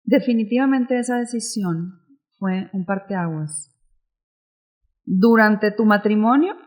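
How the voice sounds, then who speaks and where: A woman hosting an interview, warm and encouraging as she asks her questions. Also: mid-range voice, takes it slowly. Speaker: interviewer host.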